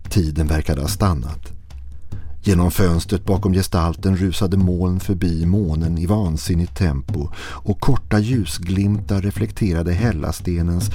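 A man narrating a listener's horror story in a slow, hushed, brooding manner. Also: deep voice.

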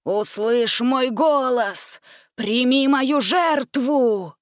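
A woman voicing a grumpy, sly old male sorcerer in a storybook reading, drawing out his proclamations slowly. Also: very high voice, no echo, studio quality, voice pushed up, exaggerated voice. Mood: grumbling, solemn. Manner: slow, drawn-out proclamations.

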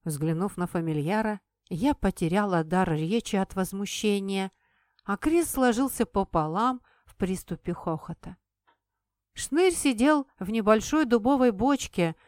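A woman's voice: mid-range voice, moderate pace, dry recording. Dry, close woman audiobook narrator. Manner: expressive, lively reading. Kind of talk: scripted first-person fantasy narration.

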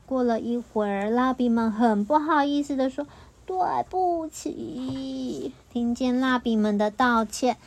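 A woman reading a children's storybook aloud to a child, in a lilting, expressive voice. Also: a little high, normal speed, few pauses.

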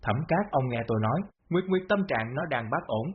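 A man reading the lines of a long-suffering middle-aged mother who speaks slowly and pleads. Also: medium pitch, lively intonation, a little hiss or hum, close to an everyday voice. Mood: bitter. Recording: dull lo-fi audio.

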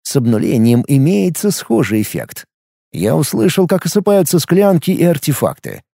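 A man reading a first-person audiobook story in a steady, measured way. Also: on the high side, vocal fry, dry recording, studio quality. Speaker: audiobook narrator. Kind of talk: first-person scripted narration.

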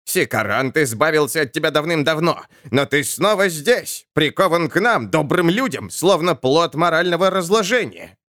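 A man voicing a hoarse, vaguely feminine old soul with a rasping voice. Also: fairly high pitch, animated, moderate pace, few pauses, fairly bright tone, no room sound, clean studio sound. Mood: scornful.

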